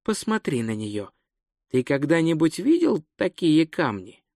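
A man voicing Abitan, an uneasy male bandit who speaks in a hushed way in a storybook reading. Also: a little high, very animated, a little slow, no room sound, clean studio sound, heavily acted.

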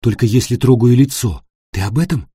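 A man's voice: mid-range voice, fairly quick, mellow, husky, no room sound, clean studio sound. A frightened young woman whispering, as a man reads her. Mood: hushed.

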